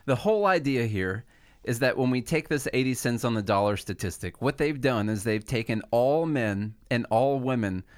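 A man at a mid-pitched, ordinary register talks through a point in casual podcast conversation, laying out figures one at a time. He sounds measured and explanatory. The recording is dry and close, with no room sound around him. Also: clean tone, no echo. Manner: measured, explanatory, walks through statistics step by step.

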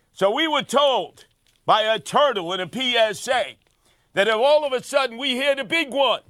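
Older New man, comic talk host, sarcastic and brash, bright edgy tone. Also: very high-pitched, dry recording, studio quality. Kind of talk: comic talk radio monologue.

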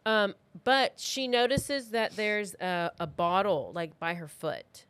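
A woman in her thirties hosts a podcast, recounting a true crime story in an informal, loosely worded way and acting out what people said. Her mid-range voice is slow, smooth, and fairly bright, recorded dry.

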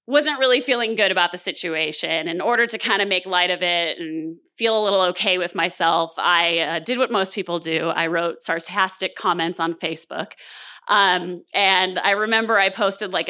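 A woman in her thirties from Southern California tells a true story live on stage, candid and self-deprecating, with frequent fillers. Her voice is on the low side, bright and forceful.

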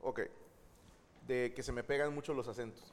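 A man's voice: mid-range voice, steady tone, moderate pace. A man, a comedian co-hosting a chat, telling crude anecdotes with acted-out quotes. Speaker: comedian, podcast co-host. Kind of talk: casual comedic storytelling. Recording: reverberant room with faint ambient noise.

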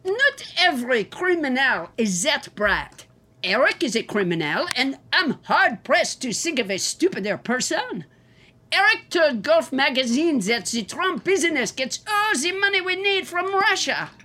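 A woman's voice: sits high, very animated, a little slow, sharp tone, full character voice. A woman voicing a crude, boastful male president in a comedy press conference parody, blunt and pompous. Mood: smug, dismissive.

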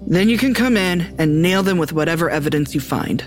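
An actress playing a blunt, tough sheriff who speaks in a curt, commanding way. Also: female voice, lowish voice, expressive, brisk, soft background music, close to an everyday voice. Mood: stern. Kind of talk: audio drama acting.

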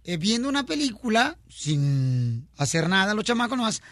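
A very high, bright male voice, bantering on a radio morning show. He jokes, teases his co-hosts and breaks into big laughs. The sound is close and dry, with no room around it. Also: big pitch swings, normal speed, no echo. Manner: joking, laughs loudly, uses Mexican slang. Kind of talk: lively radio comedy banter. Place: radio studio.

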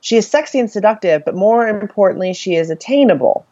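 A woman's voice: medium pitch, expressive, fast, mellow, dry recording. Woman cohosting a podcast, swoopy intonation, stop and start, dry kinda muffled mic. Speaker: podcast co-host. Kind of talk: casual podcast talk from notes.

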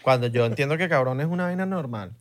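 A man's voice: medium pitch, animated, fast talker. A man from Venezuela with a Venezuelan accent, co-hosting a podcast and telling anecdotes while playfully mimicking accents. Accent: Venezuelan Spanish. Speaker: podcast host.

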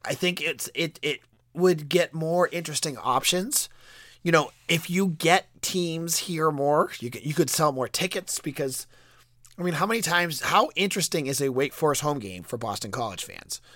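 A man hosts a sports podcast with a stuffed-up nose and a cold. His fairly high voice cracks and squeaks slightly as he gives emphatic, conversational opinions. The sound is close and dry. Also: expressive, normal speed, fairly bright tone, no echo. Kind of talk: solo sports podcast commentary.

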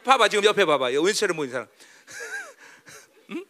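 Pastor preaching, high bright voice, wildly lively pitch, soft asides to loud tearful bursts, keeps asking "right?". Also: male voice, moderate pace. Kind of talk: sermon with banter to the congregation.

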